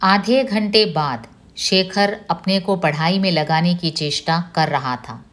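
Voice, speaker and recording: A woman professor reads a novel aloud for her students in a slow, measured voice. Her pitch sits on the low side, and she takes her time over every phrase. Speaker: Hindi professor. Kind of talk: reading a novel aloud for a lesson.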